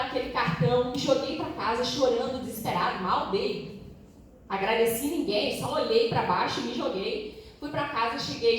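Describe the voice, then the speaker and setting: A woman's voice: a little high, slight background noise. A middle-aged woman telling a personal story to a conference audience, acting out voices and her own crying. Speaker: speaker at a conference. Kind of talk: storytelling talk. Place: large conference hall. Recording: echoey hall from far off.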